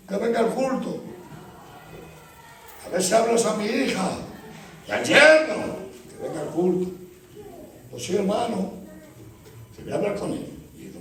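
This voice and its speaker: High-voiced preaching man, echoey. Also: creaky, a little mellow, a little hiss or hum. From Spain. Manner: storytelling, acts out dialogue with church members. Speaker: pastor. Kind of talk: sermon. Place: church. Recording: echoey church hall from far off.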